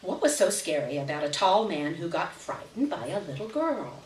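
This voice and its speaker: A woman with a fairly low, sing-song voice reads literary fiction aloud at normal speed, performing as the story's narrator at a live reading event with an audience. The audio sounds distant and hissy, with lots of room echo.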